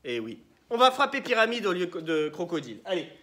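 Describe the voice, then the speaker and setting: A man teaching young children, asking questions and spelling words out slowly syllable by syllable. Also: sits high, sing-song, pushed and bright, recorded from a distance. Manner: questioning, prompting pupils to answer. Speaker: primary school teacher. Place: classroom. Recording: roomy echo, voice from the mic.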